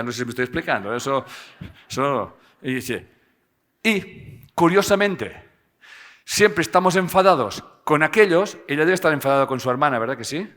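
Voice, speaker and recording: A man speaks to a live audience in a lively seminar style. His voice is bright and forceful, and he keeps checking in with his listeners through playful tag questions. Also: a little high. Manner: animated, tags phrases with "¿eh?" and jokes with the audience.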